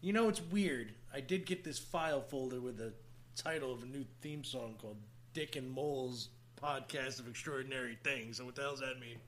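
A man's voice: mid-range voice, a little fast. A man hosting a podcast in casual comic banter, teasing and swearing freely. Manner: teasing, profane. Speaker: podcast host.

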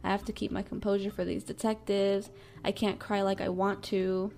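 A woman's voice: medium pitch, flat delivery, normal speed, a little mellow, lightly acted. A woman mimicking a flippant young mother under police questioning, who answers with a dismissive, snappy attitude.

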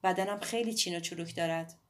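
A woman's voice: lowish voice, natural voice. A woman reading a tender middle-aged woman musician. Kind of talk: audiobook dialogue.

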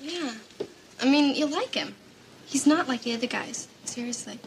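A woman's voice: high voice, animated, moderate pace, slight background noise, poor audio. An actress playing a proud working-class teenage girl in a film scene, firm and insistent. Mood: casual. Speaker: film character.

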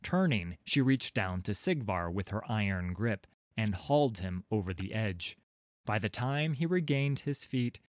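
Slow, low-voiced male storyteller. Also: no echo, clean studio sound. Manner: measured, dramatic storytelling. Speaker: audiobook narrator. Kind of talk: scripted fantasy narration.

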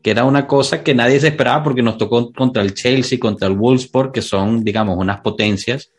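A man's voice: mid-range voice, a little fast, breathy edge. A man with a Latin American accent hosting a casual sports podcast discussion. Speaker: podcast host.

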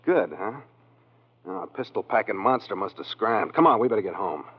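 An actor playing a quick-thinking detective's sidekick with dry, sardonic, wordy wisecracks in a 1940s radio mystery. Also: male voice, lowish voice, expressive, husky. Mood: wry, brisk. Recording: noisy, muffled old radio recording.

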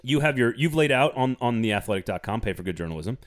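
A fast-talking podcast host with a medium-pitched voice and lively intonation runs a casual sports show. He's playful and teasing, and he reads an ad with real enthusiasm.

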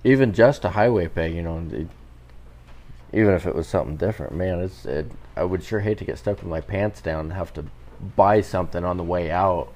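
A man's voice: sits low, fairly quick, darkish tone. An American man speaking casually as a guest on a podcast. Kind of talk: casual chat.

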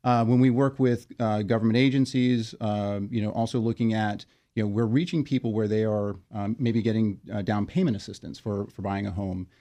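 A man being interviewed as a guest, explaining his work in a measured way with frequent fillers and restarts. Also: fairly low pitch, steady tone, dark tone. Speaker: interview guest, financial wellness company leader. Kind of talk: conversational interview.

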